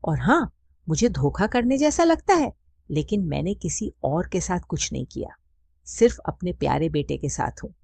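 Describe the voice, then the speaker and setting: A woman voicing an affectionate, teasing middle-aged mother in a storybook reading, speaking in a soft, coaxing way. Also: on the low side, sing-song, moderate pace, vocal fry, husky, no echo, full character voice. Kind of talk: scripted story narration.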